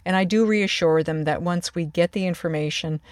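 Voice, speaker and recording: A clinician from the emergency department gives a steady, unhurried lesson. Phrases often restart and words repeat. The voice sits at a middling pitch and sounds close and dry, with no room echo. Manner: calm, measured, with frequent restarts and repeated words. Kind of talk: instructional talk on calming angry patients.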